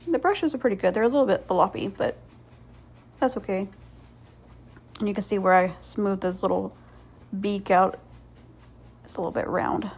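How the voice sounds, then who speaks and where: A woman's voice: medium pitch, vocal fry. A woman giving casual, rambling craft voice-over commentary as host, playfully sarcastic and self-deprecating.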